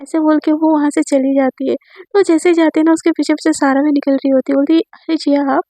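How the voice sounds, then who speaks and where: A woman's voice: high voice, steady tone, fast talker, dark tone, no room sound. A woman retelling a romance story in a casual, chatty way, full of fillers. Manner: chatty, many fillers, voices characters' lines in her own voice.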